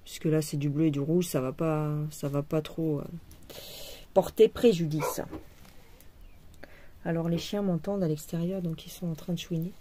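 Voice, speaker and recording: Woman, craft vlogger, mellow tone, playful chatty delivery. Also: low-pitched, fairly even intonation, moderate pace, long pauses, slight background noise. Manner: chatty, playful, puts on a jokey accent. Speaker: cross-stitch vlogger. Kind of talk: casual chat while embroidering.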